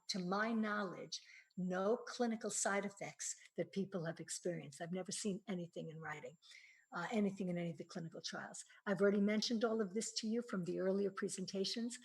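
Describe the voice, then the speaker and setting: A woman's voice: mid-range voice, poor audio. A woman giving a presentation on eye-health supplements, explaining earnestly with frequent fillers and restarts.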